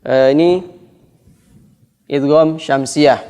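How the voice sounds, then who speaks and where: A man teaching a lesson on Quran recitation rules, drawing out the Arabic examples slowly and deliberately. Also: on the high side, steady tone, warm tone, clear, resonant tone.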